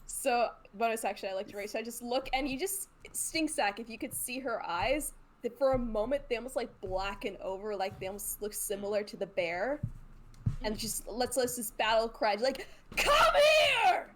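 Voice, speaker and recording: A woman's voice: on the high side, normal speed, a little hiss or hum. A woman playing a character in a tabletop game, chatty and giggly. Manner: giggly, chatty, describes her moves. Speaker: player. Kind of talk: casual tabletop play.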